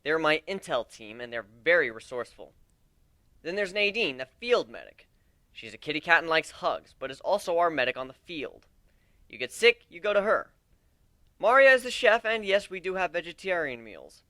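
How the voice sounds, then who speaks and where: Man acting Griffin the Griffin, brash forceful captain. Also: a little high, sing-song, normal speed, no echo. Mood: loud, commanding. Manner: loud, commanding, speechifying. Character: brash, cocky male griffin captain addressing his crew.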